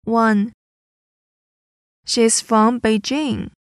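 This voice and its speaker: A woman's voice: fairly high pitch, steady tone, extremely slow, no room sound, clean studio sound. A woman reading English listening-test items carefully, repeating each sentence. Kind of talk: slow, clearly enunciated test reading.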